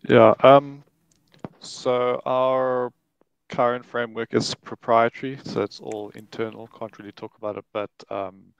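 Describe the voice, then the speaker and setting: Gravelly, flat-voiced man. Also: mid-range voice, measured pace, muffled recording. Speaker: senior software developer. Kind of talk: casual tech Q&A answer.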